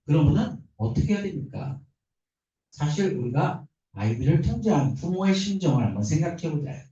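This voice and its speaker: A man giving a lecture on parenting, lively and animated, acting out the parents' and children's lines as he explains. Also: fairly high pitch, fairly quick. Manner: lively, acts out parents' and kids' quoted lines. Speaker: lecturer on adolescent counseling. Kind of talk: recorded lecture. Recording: distant, echoey, muffled room recording.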